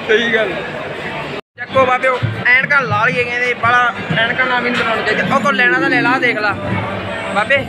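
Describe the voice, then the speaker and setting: Young punjabi guy vlogging on his phone, really high voice, slangy and jokey, crowd and traffic noise around. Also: level tone, a little fast. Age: 20s. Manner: slangy, joking, hailing viewers. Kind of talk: casual vlog chat to camera. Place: on the move in malls, streets, a car and a cafe. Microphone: phone at arm's length. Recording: noisy outdoor phone recording, crowd and traffic. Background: crowd chatter and vehicle noise.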